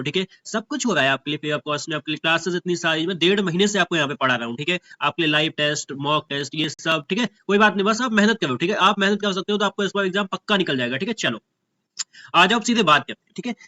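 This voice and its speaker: A young man teaching an exam class in casual Hindi, checking in constantly with "ठीक है?" and reading English passages slowly. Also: sits high, pushed and bright, no room sound. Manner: keeps asking "ठीक है?" and addresses students as भैया; reads English slowly, spelling words letter by letter.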